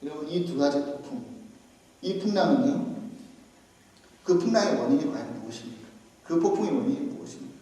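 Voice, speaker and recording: A man's voice: a little high, animated, fairly quick, long pauses, mellow. A man preaching a sermon as pastor, often putting rhetorical questions to the congregation. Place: church sanctuary. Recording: echoey church hall, voice far from mic.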